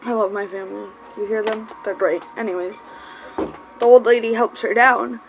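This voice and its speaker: A woman's voice: mid-range voice, fairly even intonation, moderate pace, over music, rough recording. A young woman vlogger telling a rambling, casual story, swearing freely and breaking off for distracted asides.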